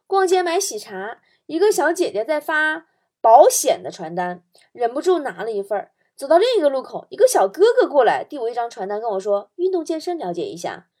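Lively high-voiced woman telling jokes. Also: brisk. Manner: lively storytelling, laughs at her own jokes. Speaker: talk show host. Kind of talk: reading out funny listener stories.

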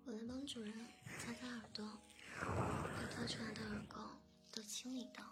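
A woman in a whispered role-play, voicing a gentle, doting maid who soothes her master with a spa-like whisper. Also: fairly high pitch, steady tone, normal speed, over loud music, natural voice. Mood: soothing, attentive.

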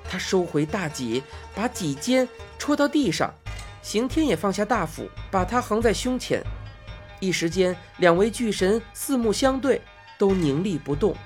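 A woman narrating a children's fantasy story expressively, voicing sound effects. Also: medium pitch.

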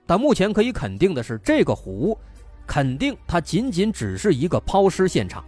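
A man's voice: sits high, wildly swooping pitch, moderate pace, a little mellow, slightly rough. A man narrating true crime as a storyteller, explaining step by step and posing rhetorical questions. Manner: explanatory, poses rhetorical questions and reasons through them. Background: background music.

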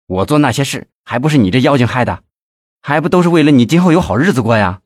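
A man's voice: fairly low pitch, big pitch swings, brisk, breathy edge, dry recording, studio quality. A man voicing a middle-aged male city mayor who sighs and complains wearily about his troubles. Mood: gloomy, sighing. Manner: sighing, complaining, weary.

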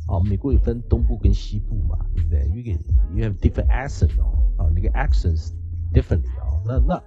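A man's voice: on the low side, animated, a little fast. A man, raised in the United States, giving a chatty lecture on pronunciation as an English teacher. He keeps asking his listeners "right?" and mixes English words into his speech. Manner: chatty, asks rhetorical "right?", drops English words into the Chinese. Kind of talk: casual lecture. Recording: slightly dull recording with faint music.

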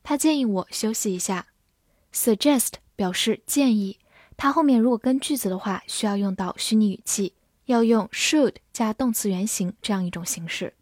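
A woman teaching English vocabulary in Chinese. She spells each word letter by letter and reads the example sentences slowly and carefully. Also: medium pitch, a little mellow, no room sound, studio quality.

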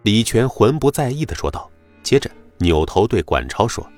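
Deep-voiced male audiobook narrator. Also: big pitch swings, normal speed, a little mellow, soft background music. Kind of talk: web novel audiobook narration.

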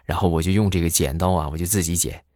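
A man's voice: sits low, fairly even intonation, fast talker, darkish tone, dry recording, studio quality. A man performing a stand-up comedy monologue, telling stories with jokey asides and rhetorical questions.

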